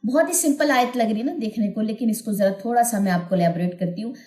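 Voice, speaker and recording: Female recitation teacher with a higher voice, unhurried, sounds out each word again and again; roomy echo. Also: dark tone. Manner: explains slowly and demonstrates each word repeatedly. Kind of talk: recorded lesson. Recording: echoey room.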